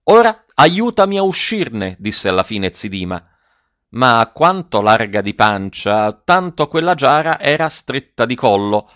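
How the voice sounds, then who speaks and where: A man narrating a story in an expressive, dramatic reading. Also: lowish voice, measured pace, no room sound, muffled recording. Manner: dramatic, animated delivery.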